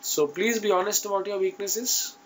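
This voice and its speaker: A high-pitched man with an Indian accent, speaking at normal speed, coaches students for interviews in an online class. His advice is informal, direct and emphatic, and he often checks in with listeners, in a low-quality recording with slight background noise.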